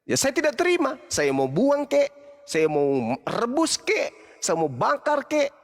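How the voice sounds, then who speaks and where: A man's voice: extremely high pitch, wildly swooping pitch, unhurried. A man, an Islamic preacher delivering a heated, mocking monologue of repeated rebukes. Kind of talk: angry scolding monologue. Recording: long hall reverb.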